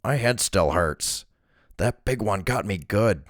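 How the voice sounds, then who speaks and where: A man's voice: lowish voice, lively intonation, slow pace, no room sound, clean studio sound, voice pushed up. A man voicing a nasal, whining male thug in a fantasy novel reading.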